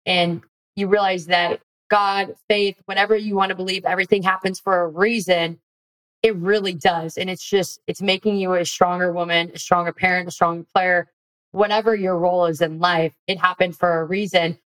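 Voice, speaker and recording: A young woman, a former college softball player, hosting a podcast with upbeat, encouraging chat. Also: fairly low pitch, flat delivery, moderate pace, low-quality recording. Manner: upbeat, encouraging, reads ad lines. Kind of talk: casual interview chat.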